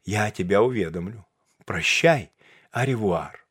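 A man doing a capricious, theatrical young lady from an audiobook, who is full of reproach and self-pity. Her lines are read in the reader's own register, with a lively melody. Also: on the low side, a little slow, husky, full character voice. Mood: affectionate. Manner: reproachful, self-pitying declarations. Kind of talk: audiobook character reading.

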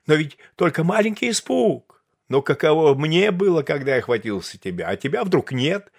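A man voicing Charov, a frantic young gentleman. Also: fairly high pitch, very animated, moderate pace, gravelly, pitched above the performer's own voice, full character voice. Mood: pleading. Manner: exclamatory, agitated outbursts. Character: excitable, impulsive young gentleman, frantic and rude. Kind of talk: audiobook character reading.

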